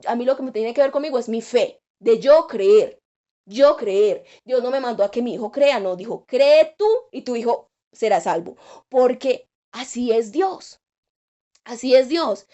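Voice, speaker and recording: High-voiced woman preaching. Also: moderate pace, dark tone, dull audio. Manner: earnest, repeats key phrases for emphasis. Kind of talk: sermon.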